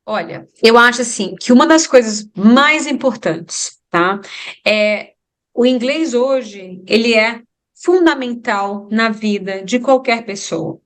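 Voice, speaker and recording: Speaking slowly with a fairly bright tone and a slightly high voice, this Brazilian woman, an English teacher with a Brazilian Portuguese accent, offers advice in an interview. She drives her points home by repeating them emphatically.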